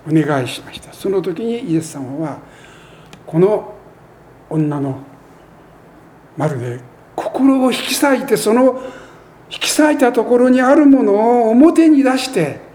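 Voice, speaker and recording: A pastor delivers a sermon in a high, animated voice that swoops up for emphasis. He sounds earnest, with measured pauses between phrases, and his pitch climbs and dips freely as he preaches. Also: a little hiss or hum.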